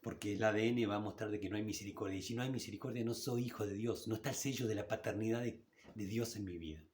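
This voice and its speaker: A man with an Argentine Spanish accent delivers a sermon from a church pulpit, talking to the congregation in a familiar, conversational tone. His voice sits on the low side, and he slows down deliberately whenever he reads scripture aloud. Faint hiss sits under the recording. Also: darkish tone. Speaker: pastor.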